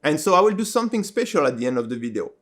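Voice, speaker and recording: A man's voice: on the high side, sing-song, rapid-fire, a bit bright. A male host whose first language is French, earnestly explaining his point to viewers and often asking "right?". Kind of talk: video introduction and interview.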